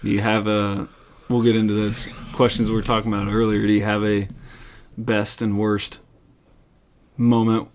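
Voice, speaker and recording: Low-voiced, laid-back male podcast host. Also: little pitch movement, darkish tone, slight background noise. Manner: laid-back, halting questions full of fillers. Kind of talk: casual conversation.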